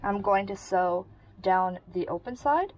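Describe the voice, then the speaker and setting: A woman's voice: mid-range voice, animated, a little slow, a little mellow, slight background noise, rough recording. A woman giving a casual sewing tutorial, explaining each step in a friendly way while she works. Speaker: sewing instructor.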